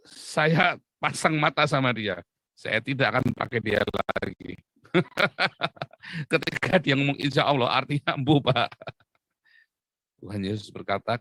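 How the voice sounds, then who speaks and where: A man's voice: mid-range voice, moderate pace, sharp tone, no room sound. Male preacher, playful and chatty, acts out voices, recorded dry. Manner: jokey, acts out dialogues, laughs often. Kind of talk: humorous sermon.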